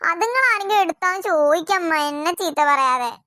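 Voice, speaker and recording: A woman's voice: very high voice, lively intonation, fairly quick, sharp tone, dry recording, clean studio sound, heavily acted. A woman voicing a sulky elder daughter in a family cartoon who complains that she is always the one blamed. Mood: complaining. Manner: complaining, accusatory.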